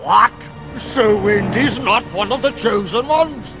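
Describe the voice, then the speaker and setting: An actor playing a blustering, cowardly middle-aged pirate captain in a video game, with a pompous, theatrical villain delivery. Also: male voice, sits high, slow pace, gravelly, music in the background, exaggerated voice. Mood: indignant.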